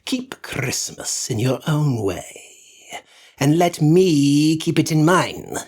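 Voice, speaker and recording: A man's voice: medium pitch, very animated, a little slow, breathy edge. A man doing a sneering, bitter old miser. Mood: scornful.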